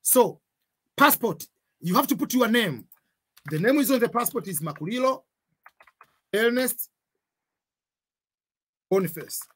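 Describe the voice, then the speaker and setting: A man's voice: extremely high pitch, animated, unhurried, long pauses, a bit bright, husky. A man, walking viewers through a form in a screen-share tutorial and repeating examples with warnings. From Tanzania. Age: 40s. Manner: repeats points, gives examples, cautionary tone. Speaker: online tutor.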